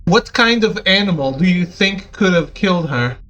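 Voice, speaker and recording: Guy with a pretty high voice doing casual gameplay chat, jokey questions. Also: animated, normal speed, a bit bright, highs cut off. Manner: joking, playful. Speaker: gamer playing a detective game.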